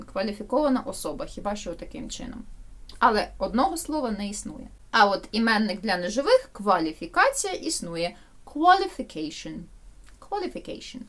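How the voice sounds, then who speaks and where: Female teacher, very lively intonation, slow careful repetition of English vocabulary. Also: mid-range voice. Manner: explains in Ukrainian, repeats English words slowly for pronunciation. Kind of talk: bilingual vocabulary lesson.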